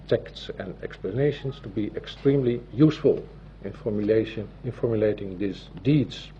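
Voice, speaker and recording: A man with a Dutch accent gives a formal presentation as a notary, speaking in a deliberate, halting way. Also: medium pitch, breathy edge. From Netherlands. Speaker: civil law notary giving a presentation. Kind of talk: formal presentation, partly read from a script. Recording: dull, muffled audio with loud background noise.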